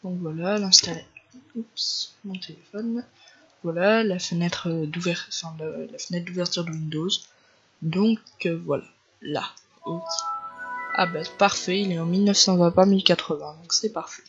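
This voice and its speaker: A man's voice: sits high, fairly even intonation, normal speed, slightly rough, faint music behind. A man with a Northern French ch'ti accent, talking casually and loosely step by step through a computer tutorial. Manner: informal, loose step-by-step explaining. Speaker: tech tutorial creator. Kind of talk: casual screen-recorded tutorial narration. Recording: dull lo-fi home recording.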